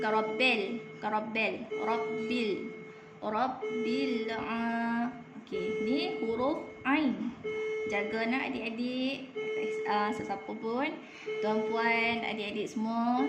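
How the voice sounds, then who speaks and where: A woman's voice: fairly high pitch, roomy sound. Patient Malaysian woman teaching Quran reading. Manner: patient, repeats and drills each word slowly. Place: room at a clinic.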